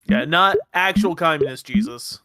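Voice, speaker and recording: A man's voice: high-pitched, lively intonation, normal speed, bright, forceful tone. A man on a casual stream chatting and telling stories with a dry, wry humor. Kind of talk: casual chat, telling anecdotes.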